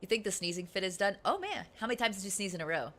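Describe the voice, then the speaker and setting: A woman game streamer chatting casually with her live audience, giggly and animated, laughing often. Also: mid-range voice, rapid-fire.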